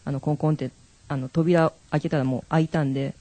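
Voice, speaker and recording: A man's voice: on the high side, steady tone, quick pace, darkish tone, dry recording. A man in a casual chat show, telling an anecdote and acting out the lines of the people in it. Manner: storytelling with acted-out quotes. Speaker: podcast co-host.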